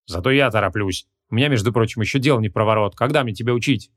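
A man's voice: fairly low pitch, fast talker, close to an everyday voice. A male audiobook narrator voicing an arrogant, irritable male archmage who barks orders. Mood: indignant. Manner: barking, scornful.

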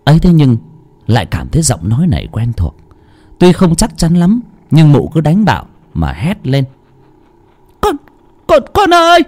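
A man narrating a horror story in an expressive, lilting storytelling manner. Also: mid-range voice, normal speed, breathy edge.

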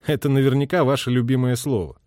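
A man voicing a tired male army captain who speaks calmly, dryly and with authority. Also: mid-range voice, quick pace, dry recording, natural voice. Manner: calm, dry, authoritative.

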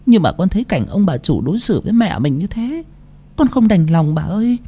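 A man voicing a gentle orphaned young maid who speaks softly and kindly. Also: high voice, very animated, fairly quick, slightly rough, pitched above the performer's own voice, full character voice.

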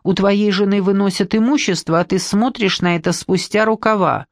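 A storyteller voicing a loud, sharp-tongued, stout woman, mocking and domineering. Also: medium pitch, fairly even intonation, normal speed, no room sound, studio quality, natural voice.

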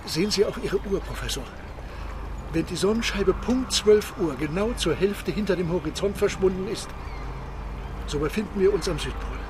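An actor as proud Captain Nemo, solemn and high-pitched. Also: male voice, noisy background, natural voice. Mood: grave, controlled. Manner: grandiose, measured, declamatory. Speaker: actor in a radio play. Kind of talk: dramatic radio play acting. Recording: loud ambient sound effects behind the voice.

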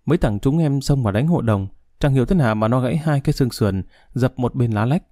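Humble, nervous young male inmate in a storybook reading, mellow voice, as a male narrator reads him. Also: medium pitch, lively intonation, fast, no echo, studio quality, close to an everyday voice. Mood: explaining. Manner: humble, apologetic.

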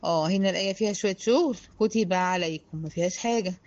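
A woman with an Egyptian accent teaching a tajweed lesson to a female student. She stretches the verses out slowly, then explains them briskly. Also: mid-range voice, darkish tone, muffled recording. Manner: slow, drawn-out recitation between brisk explanations; addresses a female student directly, instructive. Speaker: Quran teacher.

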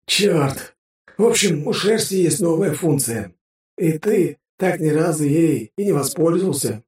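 A disembodied male emperor's spirit speaks inside the hero's head, as a man puts him on for an audiobook. The voice sits high and swings widely in pitch. It sounds far off and roomy, and it gives dry, system-like advice like a grudging helper. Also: animated, unhurried, a little mellow. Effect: disembodied voice heard inside the hero's head. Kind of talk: audiobook character voice.

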